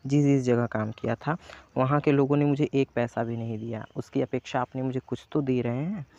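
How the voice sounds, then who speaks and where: A man's voice: medium pitch, steady tone, brisk, vocal fry, mellow, dry recording, dull audio, close to an everyday voice. A man reading as a frightened, timid young maid. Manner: timid, trembling voice.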